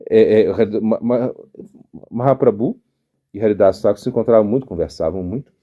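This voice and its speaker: A middle-aged man with a Brazilian Portuguese accent giving an informal devotional sermon as a monk, telling stories lively and often restarting his sentences. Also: lowish voice, a little fast, narrow, tinny audio. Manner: animated storytelling, acts out quotes, frequent restarts and stammers. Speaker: monk giving a spiritual talk.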